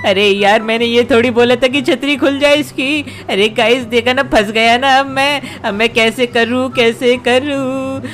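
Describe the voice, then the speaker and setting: A woman's voice: fairly high pitch, moderate pace, hardly any pauses, soft background music, close to an everyday voice. A woman doing a cheeky panicky little boy. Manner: whiny, excitable exclamations, talks to viewers. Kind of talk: gameplay commentary in character.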